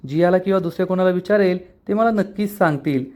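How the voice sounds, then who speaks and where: A man voicing a defiant, sharp-tongued young woman as he retells a TV episode. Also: sits high, fast talker, natural voice.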